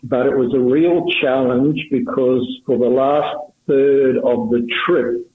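A man calling in as a radio guest, telling a story in a measured way over the phone. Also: mid-range voice, steady tone. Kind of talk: radio interview. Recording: tinny echoey phone line with hiss.

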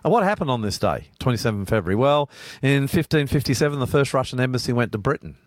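A man's voice: mid-range voice, lively intonation, quick pace, no room sound, studio quality. An Australian man hosting a live radio show as a pastor, chatting casually in a colloquial, matey, teasing way.

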